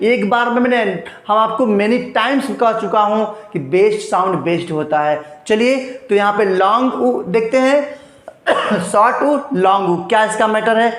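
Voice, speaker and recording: A male teacher giving an English grammar lesson in Hindi, who asks himself questions, keeps repeating "understand", and stretches words slowly to show their sounds. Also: high-pitched, fairly bright tone. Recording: roomy, echoey room.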